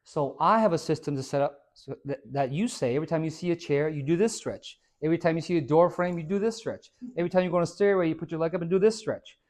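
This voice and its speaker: A man who is a fitness trainer, giving an informal, energetic talk to a small audience. He quizzes the listeners and tags many points with "right?". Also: a little high, fast, hardly any pauses. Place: hair and skin salon, indoors.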